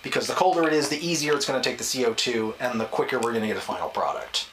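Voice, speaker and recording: A man hosts a casual vlog from a small bathroom, speaking in a mid-pitched voice. His manner is wry and self-deprecating, with mild sarcasm. There is some faint noise behind him. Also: rapid-fire, fairly bright tone, reverberant. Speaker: video host. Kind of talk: casual vlog talk to camera.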